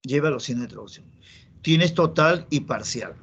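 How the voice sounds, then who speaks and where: A man's voice: mid-range voice, animated, normal speed, a bit bright, husky, highs cut off. A man with a Peruvian Spanish accent teaching a classroom grammar lesson, repeating key phrases and checking in with students. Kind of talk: classroom lecture.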